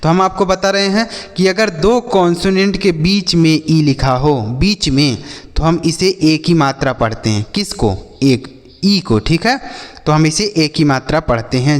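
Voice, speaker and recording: A man teaching English reading in a lesson, spelling words out slowly and asking and answering his own questions, with a Hindi accent. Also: on the high side, long reverb tail. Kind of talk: classroom lesson.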